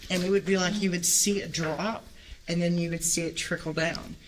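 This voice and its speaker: A woman's voice: lowish voice, fairly even intonation, normal speed. Woman cave guide, noisy location sound. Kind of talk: casual guided-tour chat. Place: inside a cave.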